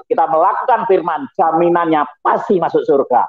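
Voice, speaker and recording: A middle-aged pastor tells his testimony in a lively, preachy manner, dropping chuckling asides. His voice sits a bit high for a man. The sound is thin and tinny, like a phone line. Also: fairly quick. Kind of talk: testimony talk over slides.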